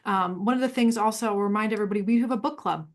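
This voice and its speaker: A woman hosts an online community forum in a mid-pitched voice. She speaks earnestly and at length, circling back with fillers. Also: rapid-fire. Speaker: host.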